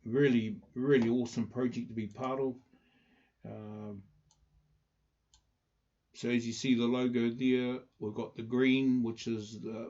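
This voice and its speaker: A man with a Māori New Zealand accent hosting a casual live chat, speaking haltingly with many pauses. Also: on the low side, a little mellow. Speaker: livestream host presenting a community project. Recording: dull lo-fi livestream audio.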